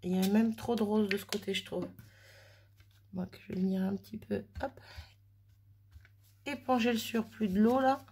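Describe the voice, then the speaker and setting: A woman's voice: medium pitch, steady tone, moderate pace, pauses often, darkish tone, husky. A woman chatting casually as she demonstrates a craft project at home, thinking aloud and poking fun at herself. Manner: chatty, self-deprecating, thinking aloud while working. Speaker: crafter demonstrating mixed-media art. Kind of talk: casual craft tutorial narration. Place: home craft room with oven running in background.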